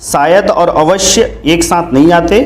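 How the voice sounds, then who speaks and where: A man's voice: on the high side, a little slow. A man teaching a grammar lesson, spelling words out letter by letter and repeating each one.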